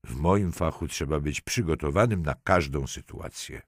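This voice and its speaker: A man's voice: rumbling low, normal speed, dry recording. A man doing a dry, ironic police lieutenant. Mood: wry. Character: wry, self-assured male police lieutenant.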